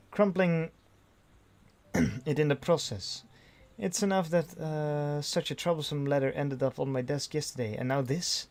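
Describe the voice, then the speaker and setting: A man's voice: on the high side, darkish tone. A man reading a visual novel aloud in first person, with dry delivery and frequent restarts. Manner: dry narration with restarts and sighs.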